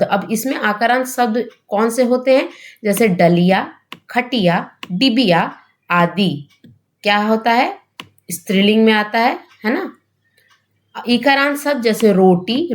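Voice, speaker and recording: A woman teaching a grammar lesson for exam preparation. She asks questions and answers them herself, often tags on a checking question, and slows down to spell out example words. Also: fairly high pitch.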